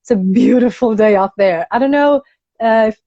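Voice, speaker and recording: A woman who grew up in Portugal, a healing coach chatting as a guest on a live video call, bubbly and quick to laugh. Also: on the high side, mellow, no room sound, highs cut off. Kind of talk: casual live-stream chat.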